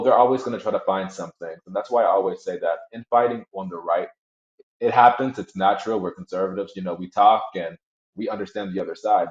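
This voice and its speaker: A man speaking as a guest in a casual political chat, blunt and emphatic, now and then laughing mid-sentence, over a video call. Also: sits low. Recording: echoey, dull remote audio.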